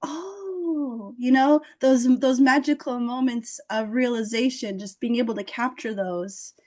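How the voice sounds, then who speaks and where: High-voiced animated woman host. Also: moderate pace. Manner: animated, enthusiastic, acts out quotes. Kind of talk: casual advice chat.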